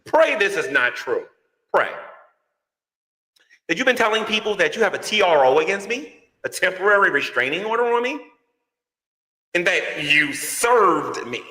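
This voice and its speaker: A man's voice: high-pitched, big pitch swings, moderate pace, pauses often, bright, forceful tone. A man ranting in a dramatic, preachy video commentary, heard with a heavy cave-like echo. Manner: dramatic, preachy call-outs. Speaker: YouTuber. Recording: echoey reverb-heavy video clip.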